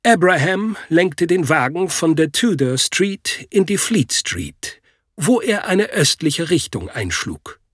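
A man narrating a first-person detective audiobook. His voice is slightly husky, lively in pitch and slow-paced, recorded dry and close. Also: no room sound. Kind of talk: scripted narration.

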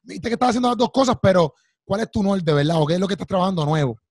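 Racing along in a high, expressive, darkish voice, this man in his 30s hosts a casual interview, eagerly affirming his guest and repeating himself. He uses a studio mic with headphones, and there's no room sound.

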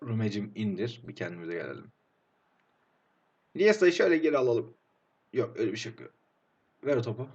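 A man in his twenties commentating his own football game play, swinging from hushed groans to excited outbursts. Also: on the low side, brisk, creaky, long pauses, slightly rough, lo-fi sound. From Turkey. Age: 20s. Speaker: mobile football game streamer. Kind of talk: live gameplay commentary.

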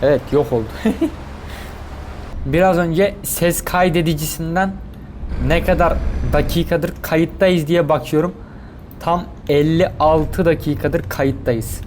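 A man giving live commentary on a truck driving game, excitable and repeating his words. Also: fairly high pitch, unhurried, slight background noise. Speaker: gaming streamer.

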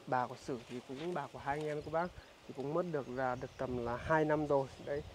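Man, halting speech, casual interview, outdoors, faint noise behind. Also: mid-range voice, steady tone. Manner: halting, full of filler sounds. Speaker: vlogger visiting a poor family. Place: outdoors in a rural village.

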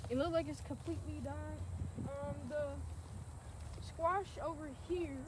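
Speaking slowly in a high, steady voice, a Kentucky teen loosely guides viewers around an open urban farm field, saying um often as she walks and points things out. The handheld camera, carried by someone a few feet behind her, records outdoor field noise.

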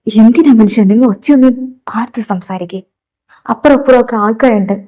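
A woman voicing a middle-aged mother and wife who scolds her husband and urges him to calm down in a fan audio drama. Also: high-pitched, a little fast. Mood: scolding.

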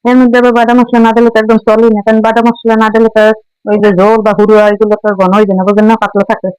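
A woman's voice: a little high, little pitch movement, rapid-fire, a little mellow, clear, resonant tone, dry recording, low-quality recording. A woman from Barishal with a Barishal Bangla accent mixed with Dhaka speech, chatting casually as she cooks and reminisces. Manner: chatty, reminiscing while cooking. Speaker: home cooking vlogger. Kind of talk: casual cooking narration.

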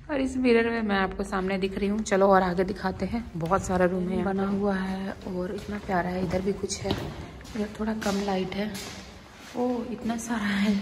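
A woman's voice: mid-range voice, a little hiss or hum. A young woman from India, chatting casually as she shows places to her phone camera in a travel vlog. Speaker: vlogger. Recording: loud background music.

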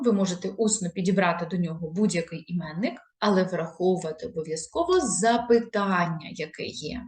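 A woman tutor giving an online grammar lesson, explaining usage in a clear, explanatory teacher's cadence. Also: fairly low pitch, roomy sound. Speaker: Ukrainian language tutor.

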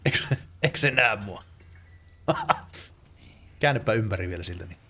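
With a fairly low, slightly rough voice, a man from Finland narrates a let's play casually, getting excitable, cursing, and letting out yelps and laughs at the game.

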